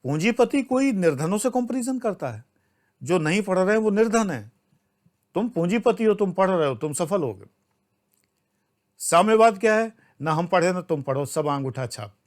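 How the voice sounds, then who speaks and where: An older man from India teaching an online exam-prep class, lecturing emphatically and scolding, with loud outbursts and low asides. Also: animated, moderate pace, pauses often. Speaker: civil services exam teacher.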